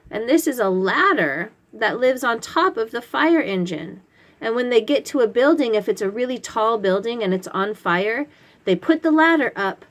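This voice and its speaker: A woman with a medium-pitched voice hosts a children's read-aloud, walking little ones through a picture book. She uses simple, instructive phrasing and asks the listener questions.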